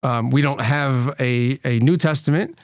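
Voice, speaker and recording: A man in a podcast interview talks through his ideas earnestly, circling back and restarting as he explains. His voice sits at an ordinary middle pitch. The sound is dry and close, with no room around it. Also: a little slow, no echo. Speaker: rabbi and nonprofit CEO, guest. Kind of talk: interview conversation.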